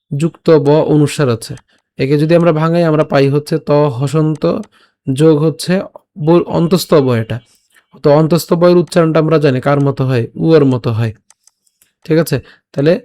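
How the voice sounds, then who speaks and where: A man's voice: fairly high pitch, warm tone. A man with a Bengali accent teaching pronunciation of scripture verses, breaking words into syllables and checking in with his students. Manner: slow, syllable-by-syllable pronunciation drills with frequent checks. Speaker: Gita recitation teacher. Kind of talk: pronunciation lesson.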